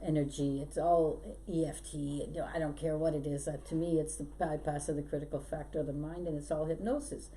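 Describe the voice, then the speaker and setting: A middle-aged hypnosis trainer, born in Belgium and raised in Canada, is a guest on a podcast, chatting casually and telling stories about her life while laughing often. Her low, dark voice keeps a level tone and moves briskly with hardly any pauses, with faint background noise in the recording.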